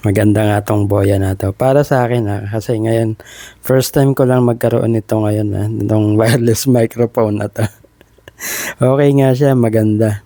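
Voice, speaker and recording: A man's voice: lowish voice, fairly even intonation, moderate pace, dark tone. A man chatting casually through an unboxing vlog, trying out a new wireless microphone on his phone. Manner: chatty, testing a mic by repeating hello. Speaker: vlogger. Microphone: phone built-in mic, then a wireless clip mic.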